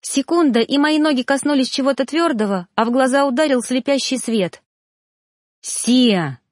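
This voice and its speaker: A woman's voice: sits high, brisk, no room sound, clean studio sound. A woman reading a first-person novel aloud as an audiobook narrator, with an emotional, dramatic delivery.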